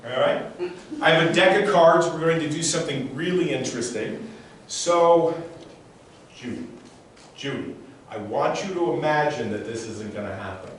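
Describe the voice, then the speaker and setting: A man's voice: on the high side, moderate pace, pauses often. A man works a live audience as an intense mind reader. He speaks emphatically, circling back on phrases and issuing short commands. His voice comes from some distance in a very reverberant room, with a faint layer of noise. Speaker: mind reader and stage performer. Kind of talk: live stage show, motivational talk with audience demonstration. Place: large echoey room before a live audience.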